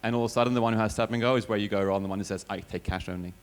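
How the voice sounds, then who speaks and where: Male panelist, lowish voice, measured and reflective delivery, with hesitant self-corrections. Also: steady tone, clean tone. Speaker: company CEO and panelist. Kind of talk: conference panel answer. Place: conference stage.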